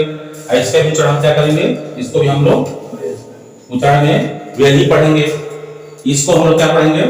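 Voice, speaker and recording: Teacher drilling English words in an echoey hall. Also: male voice, on the high side, recorded from a distance. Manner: repeats words over and over, asks the class rhetorical questions. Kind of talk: spoken-English lesson.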